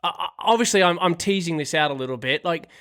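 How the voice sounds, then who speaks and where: Man, podcast co-host, casual discussion, fairly high voice, lays out long recaps, asks questions. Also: expressive, fast, fairly bright tone.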